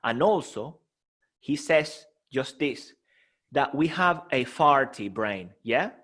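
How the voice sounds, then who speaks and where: A man's voice: mid-range voice, expressive, slow pace, a bit bright. Middle-aged male coach from the UK, playful and encouraging, mid-range voice. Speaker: NLP coach. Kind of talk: coaching talk to learners.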